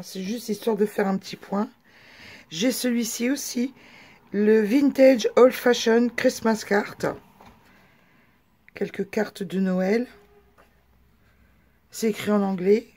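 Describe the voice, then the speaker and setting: A woman's voice: mid-range voice, warm tone, slightly rough. A woman vlogger presenting her books in a chatty, hesitant way, full of fillers and restarts. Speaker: craft vlogger. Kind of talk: casual show-and-tell video.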